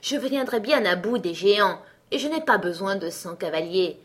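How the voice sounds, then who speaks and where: A woman's voice: mid-range voice, lively intonation, moderate pace, natural voice. A woman voicing a boastful, cunning little male tailor in a read-aloud fairy tale, cocky and swaggering. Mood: pleased.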